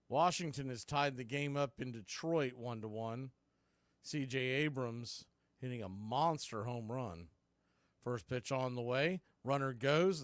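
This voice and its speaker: Indoors and watching a video feed, a man calls live baseball play-by-play as an announcer, speaking in clipped phrases that build with the action. His voice is medium-pitched with no room sound.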